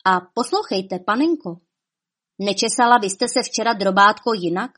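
A woman voicing a sharp-eyed, kindly male companion who speaks softly and coaxingly, in a storybook reading. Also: medium pitch, lively intonation, slightly rough.

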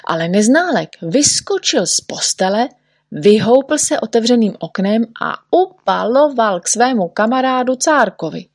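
Woman storyteller for a kids' tale, slightly high voice, dry close recording, lively delivery. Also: no echo. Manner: lively, expressive narration. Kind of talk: reading a children's story aloud.

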